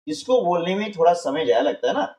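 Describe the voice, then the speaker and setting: A man teaching a grade-school language lesson, speaking slowly and patiently, repeating words and checking in with his pupils. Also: high-pitched, very animated, darkish tone. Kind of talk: Hindi workbook lesson for schoolchildren. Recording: echoey, dull sound from a distant mic.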